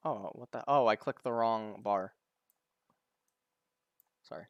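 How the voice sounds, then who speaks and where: A man's voice: on the low side, slow pace, no echo, muffled recording. A man streaming live, casually commenting on a pro match, often stumbling, repeating words and answering viewers' questions.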